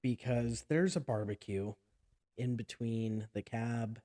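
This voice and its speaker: A man's voice: mid-range voice, slow, warm tone. A tired man co-hosting a podcast, chatting casually with dry, teasing quips. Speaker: podcast co-host. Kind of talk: casual chat.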